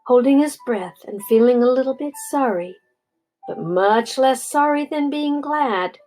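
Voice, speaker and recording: Grandma reading a storybook out loud, slow and husky, high voice. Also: female voice, animated, faint music behind, rough recording. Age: older.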